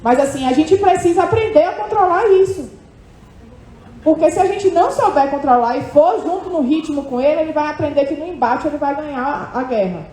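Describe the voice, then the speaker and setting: A woman psychologist giving an animated seminar talk to an audience, often checking in with quick tag questions. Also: high voice. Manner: animated, lively, questioning "tá?" tags. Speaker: psychologist speaking at a condo managers' event. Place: hotel event hall with audience. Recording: echoey hall.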